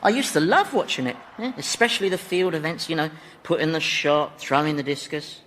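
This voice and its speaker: A man's voice: a little high, a little fast, a bit bright, slight background noise, natural voice. A man playing Satan as a blasé, chatty, sardonic ruler of Hell in a radio sitcom, offhand and hesitant. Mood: reflective. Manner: offhand, conversational, hesitant, wry.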